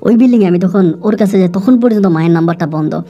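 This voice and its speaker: Low, mellow woman storyteller. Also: fast, muffled recording, soft background music. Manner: conversational, frequent fillers, emotional. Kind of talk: first-person story narration.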